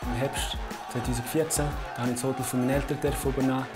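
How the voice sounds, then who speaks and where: Fast-talking young man. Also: mid-range voice, little pitch movement, over a noisy crowd. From Valais, Switzerland. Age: 20s. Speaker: chef and contestant. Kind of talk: casual explaining while cooking. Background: music.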